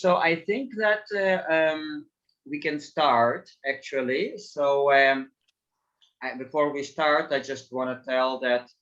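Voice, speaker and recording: A man facilitating an online group call, introducing the session slowly with many fillers. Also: mid-range voice, a bit bright, dull audio. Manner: slow, halting, with many fillers. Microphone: video call.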